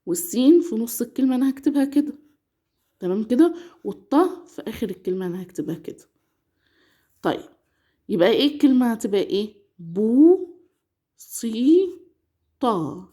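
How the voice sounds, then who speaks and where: Woman, Egyptian accent, reading teacher, soft dark tone, stretches out syllables, keeps asking if the class follows. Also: on the high side, lively intonation. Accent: Egyptian Arabic. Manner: slow drawn-out syllables, checking in with the class. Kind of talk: children's reading lesson.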